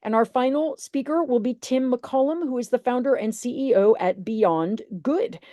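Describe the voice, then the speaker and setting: A woman's voice: a little high, moderate pace, mellow, no room sound, studio quality. A woman moderating an online panel, introducing speakers in a chatty way with many fillers and self-corrections.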